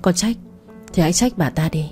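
A woman's voice: on the low side, normal speed, mellow, soft background music, lightly acted. A woman doing a tearful, firm mother. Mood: grave. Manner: choked, earnest pleading.

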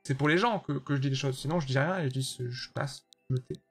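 Fast-talking with a breathy edge and a medium pitch, this streamer plays a level-building platformer while soft music plays behind him. He chats loosely with viewers, replies to them by name, and gives blunt verdicts on their levels.

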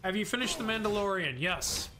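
A man's voice: sits high, lively intonation, a little fast, noisy background. A young man hosting a game stream, chatting and joking casually with laughs. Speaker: streamer host. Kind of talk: casual let's-play chat.

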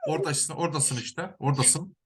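A man's voice: on the high side, fairly quick, breathy edge. A man working as a spiritual counselor, commanding and repetitive, sometimes chanting prayer words over and over.

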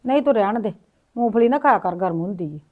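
A woman's voice: mid-range voice, expressive, fast talker, narrow, tinny audio, close to an everyday voice. A woman playing a lonely old grandmother, lamenting. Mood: fussy chat. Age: older. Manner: sighing, lamenting, talks to herself. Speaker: grandmother in a short film. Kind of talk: village drama acting.

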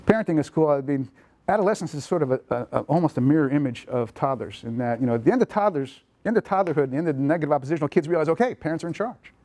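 A man, a pediatrician, giving a lively lecture on parenting to an audience in a lecture room, acting out children's thoughts as he goes. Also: on the high side, rapid-fire. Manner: lively, animated, acts out kids' thoughts.

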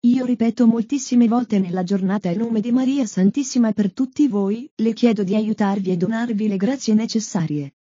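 A woman catechist giving a measured, devout catechesis reading, on a dull, dry, lo-fi recording. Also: fairly high pitch, warm tone, slightly rough, no echo.

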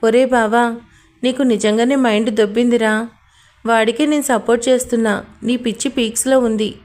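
A woman's voice: on the high side, steady tone, normal speed, darkish tone, close to an everyday voice. A woman voicing a bossy young man who scolds and questions his friend in an audio story. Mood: nagging. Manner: scolding, nagging.

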